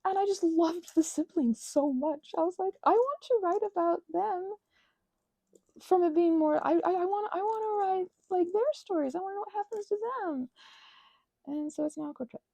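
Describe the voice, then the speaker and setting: A young adult woman who hosts a craft and ASMR channel chats casually while she crafts, rambling in a scattered way, cutting herself off, gushing, and teasing herself as she drifts onto tangents. Her voice is extremely high yet gravelly and dark-toned, at a moderate pace, with no room sound.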